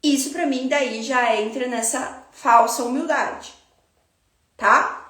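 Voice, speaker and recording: A woman with a Brazilian Portuguese accent gives a spiritual self-help talk, her voice sitting high and her delivery slow and reflective. She speaks straight to the listener like a teacher. The sound carries the echo of a roomy space. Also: a bit bright.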